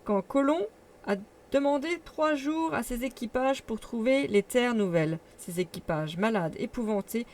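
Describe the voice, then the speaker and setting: A woman's voice: fairly high pitch, darkish tone, natural voice. A woman voicing a stubborn older male professor, speaking in a stern, insistent way.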